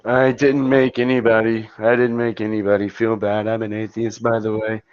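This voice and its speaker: A man's voice: lowish voice, little pitch movement, normal speed, clean tone, muffled recording. A man in casual online voice chat, talking in a laid-back, mumbling, dismissive way. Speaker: voice chat debater.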